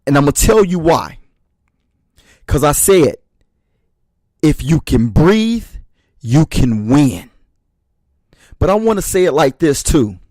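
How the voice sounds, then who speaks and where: Slow, emphatic motivational speaker, a man. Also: on the high side, big pitch swings, a little mellow, no echo. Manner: emphatic, repeats short refrains; addresses listeners as brothers and sisters. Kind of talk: motivational speech.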